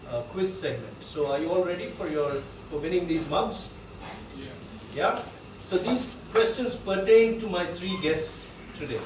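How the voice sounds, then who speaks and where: A man with a South Indian accent hosting a live event informally, with a jokey, self-deprecating manner. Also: a little high. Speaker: event host and quizmaster. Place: indoor event venue with live audience. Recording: echoey hall, distant, noisy.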